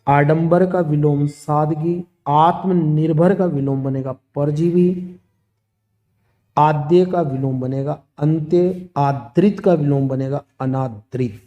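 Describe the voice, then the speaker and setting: A man's voice: fairly high pitch, takes it slowly, dull audio. A man teaching a grammar lesson, steadily listing words and their opposites. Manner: steady, listing word pairs one after another.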